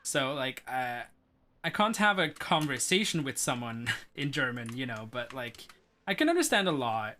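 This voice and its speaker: A man from Norway with a Norwegian accent talks casually on his speedrun stream, speaking at a moderate pace in a sing-song, bright, forceful, medium-pitched voice. His easygoing talk rambles and is heavy with filler words, and the recording has a little hiss or hum.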